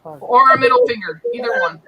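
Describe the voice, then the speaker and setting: A woman's voice: high voice, wildly swooping pitch, brisk, creaky, sharp tone, rough recording. A woman hosting a casual live stream, chatting and laughing often with guests. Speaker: host.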